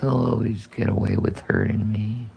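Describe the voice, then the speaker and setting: A woman's voice: very deep voice, huge pitch swings, normal speed, vocal fry, warm tone, a little hiss or hum. A woman livestreaming late at night, mumbling in a drowsy, half-whispered way.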